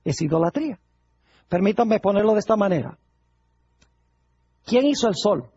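High-pitched husky male pastor preaching. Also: big pitch swings, normal speed, darkish tone, highs cut off. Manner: rhetorical questions to the congregation. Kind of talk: sermon.

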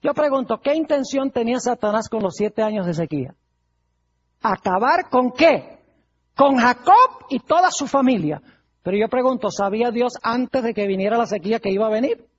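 A preacher with a husky, breathy voice tells Bible stories in a sermon and brings the quoted lines to life. The recording sounds dull and lo-fi. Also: medium pitch, normal speed. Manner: lively storyteller, acts out quoted lines.

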